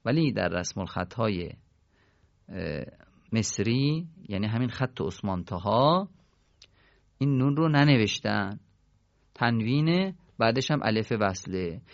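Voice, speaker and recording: Gravelly teacher. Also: male voice, lowish voice, dry recording, lo-fi sound. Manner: patient, step-by-step explaining, slow chanted recitation of verses. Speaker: Quran recitation teacher. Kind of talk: recorded tajwid lesson.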